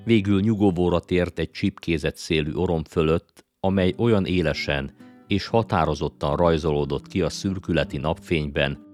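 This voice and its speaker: A man narrating a children's story aloud in a calm, even storytelling manner. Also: sits low. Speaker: audiobook narrator. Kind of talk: scripted narration. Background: faint guitar music.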